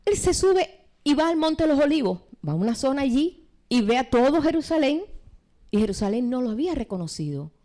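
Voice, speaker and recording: A middle-aged woman teaching a sermon at a seminar, acting out quoted voices with sudden swings in pitch. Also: sing-song, fairly quick, dark tone. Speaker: seminar preacher.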